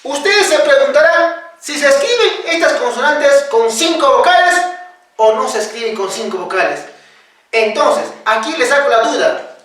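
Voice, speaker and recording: A woman's voice: sits high, lively intonation, moderate pace. A woman giving a spoken language lesson, drilling syllables one by one and asking the learner questions. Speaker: language teacher. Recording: very echoey room, far from the mic.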